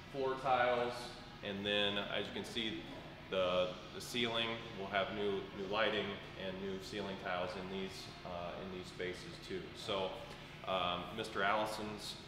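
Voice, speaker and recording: A man in his thirties explaining construction work at a steady pace with many fillers, recorded in a bare, empty classroom. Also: fairly low pitch. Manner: explanatory, steady, frequent fillers, gestures while talking. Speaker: school administrator. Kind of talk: on-site walkthrough explanation. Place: large empty classroom under construction, indoors. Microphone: camera mic from a distance. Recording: echoey bare room, mic far off, background noise.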